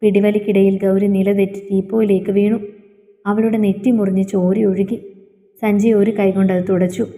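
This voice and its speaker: A woman narrating a novel chapter in a steady storytelling read. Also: mid-range voice, normal speed. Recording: long hall reverb.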